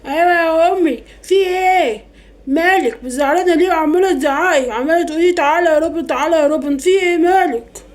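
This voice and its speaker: A woman's voice: very high-pitched, quick pace. A woman with an Egyptian Arabic accent playing a puzzled young son in a comedy sketch, asking his mother what is wrong.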